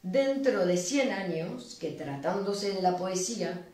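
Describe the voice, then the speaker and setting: A woman giving a steady public reading of news clippings and diary entries. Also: mid-range voice, slow pace. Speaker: reader. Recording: echoey room, distant from mic.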